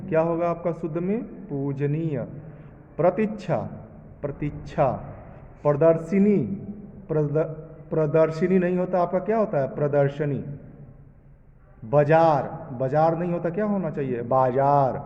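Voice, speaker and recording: Speaking at a normal speed in a voice on the high side, a man teaches a class by firing off questions and supplying the answers on his own. The recording comes from an echoey room with a long reverb tail and has a dull sound.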